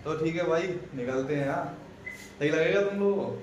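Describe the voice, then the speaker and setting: A man's voice: a little high, fairly quick. A young man talking casually to viewers in a selfie vlog, filmed on a phone at arm's length, chatty and often checking in with the audience. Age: young adult. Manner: chatty, keeps asking "theek hai?" to viewers. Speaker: vlogger. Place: indoors at home and outdoors at a college camp. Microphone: phone held at arm's length.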